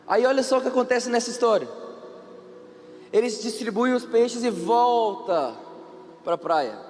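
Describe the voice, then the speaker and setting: Brazilian male preacher, high voice, animated delivery, reverberant hall with faint noise. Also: unhurried. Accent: Brazilian Portuguese. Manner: animated, acts out quoted characters, asks the audience questions. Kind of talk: sermon.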